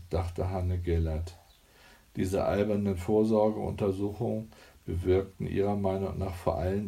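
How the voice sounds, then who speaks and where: A man narrates a novel in a measured, wry reading. His voice is low and dark with a gravelly texture, and he takes his time over every phrase. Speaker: audiobook narrator. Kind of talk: scripted narration.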